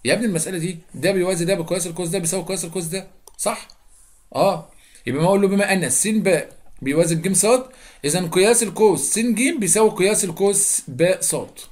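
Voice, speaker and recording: Fast-talking Egyptian male math teacher. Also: high voice. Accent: Egyptian Arabic. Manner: quick, chatty, repeats steps and quizzes students. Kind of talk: geometry lesson explanation.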